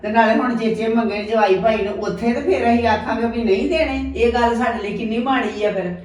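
A firm, admonishing Punjabi mother, played by an actress, with a fairly high voice. She scolds her daughter-in-law and settles a quarrel over money. She is heard from a distance in a very echoey room. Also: brisk, darkish tone, close to an everyday voice. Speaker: actor in a family drama.

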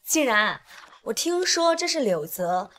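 An actress playing a gushing, envious young flatterer in a drama. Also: female voice, a little high, a little slow.

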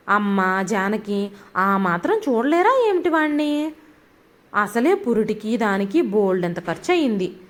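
Brief: woman narrator doing a dismissive storybook husband, insistent, lively pitch. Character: nagging middle-aged husband pushing his wife to work.

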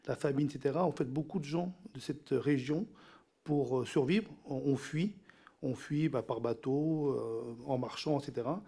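Speaking into a desk mic in a big committee room, a middle-aged man from Cambodia testifies formally before a parliamentary hearing. His native tongue is the Chinese dialect Teochew, and his voice is warm and medium-pitched. He sounds hesitant, repeating words and leaning heavily on fillers.

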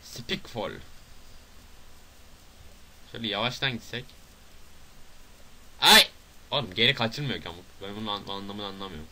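A young man from Turkey giving casual gameplay commentary, excitable, swearing, swinging between loud outbursts and mutters. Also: on the low side, brisk, long pauses.

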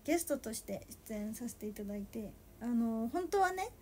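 A woman in her twenties chatting casually on a solo livestream, soft and a little sleepy, sometimes dropping to a murmur. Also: on the high side, animated, normal speed, a little hiss or hum. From Japan. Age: 20s. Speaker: idol livestreamer.

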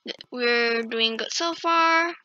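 A woman's voice: on the high side, slow, sharp tone, slight background noise. A woman giving casual gameplay commentary, chatting and reacting aloud to herself as she plays, on a slightly lo-fi recording. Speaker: gaming video host.

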